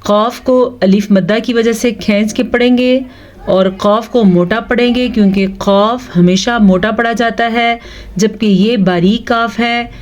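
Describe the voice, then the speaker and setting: A woman teaching Quran recitation step by step. She spells out letters and vowel marks syllable by syllable, and she chants the verses slowly. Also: on the high side, steady tone, darkish tone. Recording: dull lo-fi recording.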